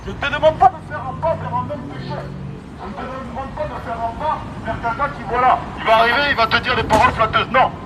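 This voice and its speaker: Over a noisy crowd on an urban street, a man preaches fast through an amplified megaphone in a very high voice with fairly even intonation. His open-air sermon is emphatic and exhorting, built on repeated key phrases against loud outdoor noise.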